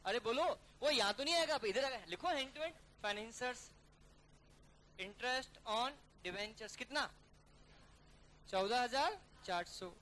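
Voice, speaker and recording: A male accounting teacher giving a classroom lecture, briskly coaxing students to call out figures and mixing English terms into his talk. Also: very high voice, animated, pushed and bright. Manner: calls students "beta" and "yaar". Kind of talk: classroom lecture working through a problem.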